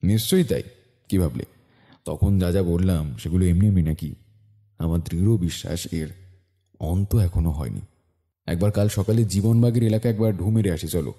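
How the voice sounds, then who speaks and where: In an audio drama, a man plays a sharp, confident private eye who thinks out loud with dry, measured reasoning and reflective hums. His voice is low and mellow.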